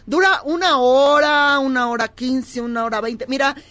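A man's voice: extremely high pitch, steady tone, normal speed, bright, forceful tone, no echo. A man promoting his cabaret show in a playful, flamboyant way, calling people "papi" and putting on a foreign accent. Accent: put-on foreign accent. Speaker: cabaret performer guest. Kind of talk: playful comedic promo chat.

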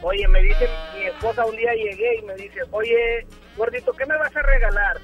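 A man with a very high voice comes through a landline phone as a call-in listener. He talks in a laid-back, plain-spoken way, telling a joke and chatting casually. A faint bed of music plays behind him. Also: normal speed, highs cut off. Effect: over a landline phone.

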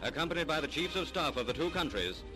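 A man's voice: on the high side, big pitch swings, fairly quick. A man narrating an old newsreel in a grand, formal announcing manner, played from an archive clip. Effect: archival old newsreel sound. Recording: distant archive clip with loud music.

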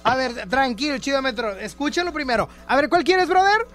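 A high-pitched man runs a playful radio call-in segment. He teases his callers and laughs easily. Music plays clearly underneath his voice. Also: lively intonation, a little fast. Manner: teasing, joking, laughs often. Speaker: radio show host.

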